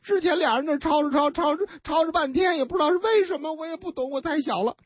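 A woman's voice: sits high, quick pace, no echo, pitched above the performer's own voice, natural voice. A woman voicing a tearful, abandoned little girl of about seven who stammers as she explains herself. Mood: plaintive. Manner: plaintive, stammering child's voice. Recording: dull, dry lo-fi radio broadcast.

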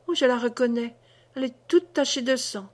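A woman's voice: high voice, fairly quick, a little mellow. A woman reading the part of a raving, cursing mad old woman in an audiobook. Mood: childlike. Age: older. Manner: raving, sing-song, cursing.

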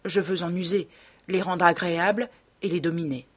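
A woman reading the part of a cynical, self-assured young man in an audiobook, in a smooth, detached way. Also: lowish voice, steady tone, normal speed. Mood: curt. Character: cold, cynical young male dandy.

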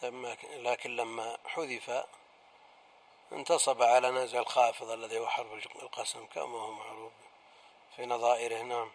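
A man teaching as a sheikh, calmly explaining the text and briefly correcting the reader. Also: mid-range voice, brisk. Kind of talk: scholarly commentary in a lesson.

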